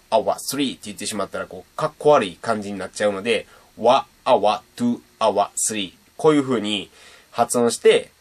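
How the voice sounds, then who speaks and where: A young man, chatting casually as he teaches beatboxing on his channel. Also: on the low side. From Japan. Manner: chatty and animated, demonstrating sounds. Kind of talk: casual video lesson.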